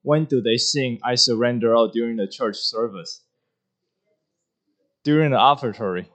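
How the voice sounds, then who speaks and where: A man's voice: medium pitch, a bit bright. Earnest man from Taiwan giving testimony. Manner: earnest, halting with many fillers. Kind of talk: church testimony.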